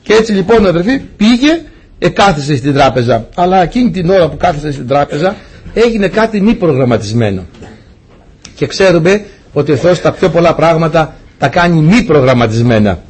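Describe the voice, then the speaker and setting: A man's voice: on the high side, sing-song, darkish tone, breathy edge. A middle-aged man giving a sermon to his congregation, preaching with energy and laughing at his own stories.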